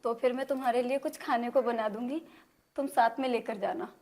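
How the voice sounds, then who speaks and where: Give me a woman playing a loving young village wife with a soft, slightly high voice. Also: steady tone, brisk, lightly acted. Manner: soft, affectionate. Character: devoted young village wife, tender-hearted.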